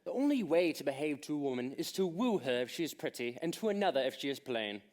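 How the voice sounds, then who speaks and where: A young man acting a witty, idle gentleman in a school stage comedy, with a playful, teasing delivery. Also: fairly high pitch, big pitch swings, quick pace. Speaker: stage actor in a school play.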